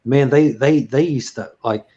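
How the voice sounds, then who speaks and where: A man's voice: medium pitch, a little slow, warm tone, highs cut off. A man hosting a casual chat, rambling with lots of fillers and restarts. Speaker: host.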